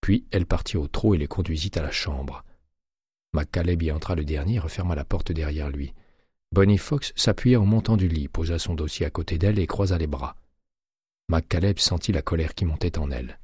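A man narrating an audiobook in a steady, measured reading. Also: a bass voice, husky, dry recording, clean studio sound.

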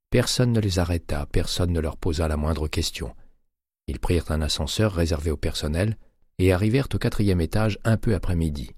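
A man narrating a novel in a steady, measured audiobook reading. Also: deep voice, husky, no room sound, studio quality. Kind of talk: scripted narration.

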